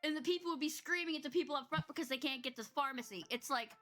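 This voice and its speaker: Woman on a podcast, laughy and lively, high voice, some music behind. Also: rapid-fire. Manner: giggly, lively storytelling. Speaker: podcast co-host, former pharmacy worker. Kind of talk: casual chat.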